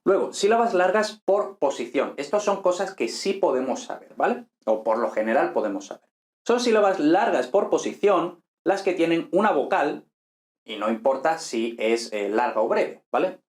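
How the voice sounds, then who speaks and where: A Latin teacher gives an online language lecture in a fairly high, very animated voice at normal speed, with noticeable reverb. He explains step by step and keeps checking on his listeners with "¿vale?" and "¿no?"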